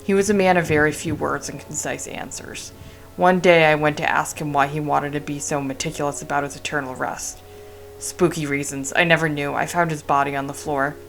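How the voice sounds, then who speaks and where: A woman reading aloud the lines of a talkative male village priest from a game, in a measured way. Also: deep voice, fairly even intonation, creaky, faint music behind. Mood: calm.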